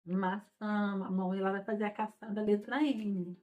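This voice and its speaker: A woman's voice: medium pitch, flat delivery, normal speed, warm tone. A woman teacher explaining a lesson patiently, often checking in with her listeners as she goes. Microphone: recorded without a microphone. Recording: dull lo-fi sound without a microphone.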